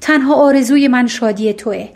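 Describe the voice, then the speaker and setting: A woman voicing a lonely male beast in an audiobook fairy tale, speaking in a halting, plain and soft way. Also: fairly high pitch, vocal fry. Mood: earnest. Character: gruff lonely beast, male, shy and humble. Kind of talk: audiobook storytelling.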